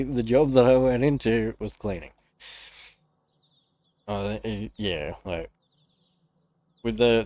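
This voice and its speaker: A man's voice: fairly low pitch, darkish tone, dry recording. A man chatting casually and telling stories as a streamer, blunt and sweary in slangy language. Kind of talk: casual chat, storytelling to stream viewers.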